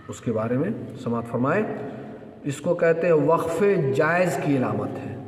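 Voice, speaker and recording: A man giving a religious lesson, explaining each point slowly and deliberately. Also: a little high. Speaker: religious teacher. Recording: echoey hall with long reverb.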